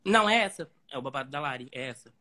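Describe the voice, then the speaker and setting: Guy calling in to a live stream, mid voice, jokey and familiar, fast talker. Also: mid-range voice, lively intonation, sharp tone. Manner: quick, joking and familiar. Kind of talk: casual call-in chat.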